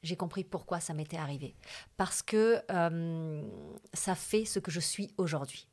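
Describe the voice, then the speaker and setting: Lowish voice, young woman from the alps, chatty and emotional, lots of fillers when she tells her story. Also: a little slow. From France, Hautes-Alpes. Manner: chatty and lively, with many fillers and asides to the host. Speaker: guest telling her life story.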